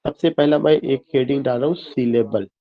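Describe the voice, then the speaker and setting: A man's voice: mid-range voice, fairly quick, muffled recording. Teacher quizzing his online class. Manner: mixes Hindi and English, spells words out letter by letter; asks the class questions and answers them himself.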